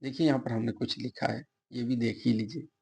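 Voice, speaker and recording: A man's voice: medium pitch, steady tone, a little fast, darkish tone, husky. A middle-aged man teaching a grammar lesson for exam preparation, explaining patiently with spoken examples and asking and answering his own questions. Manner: asks viewers to subscribe and comment.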